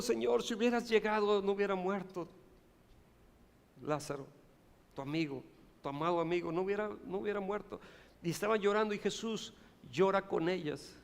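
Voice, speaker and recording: Male pastor, high voice, chatty storytelling sermon in a church with a long echo. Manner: storytelling, conversational preaching with rhetorical questions.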